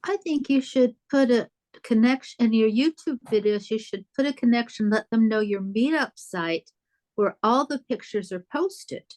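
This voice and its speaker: A woman's voice: on the high side, moderate pace, a little mellow. A woman from the class chatting with the instructor and making suggestions. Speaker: class member. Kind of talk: casual chat.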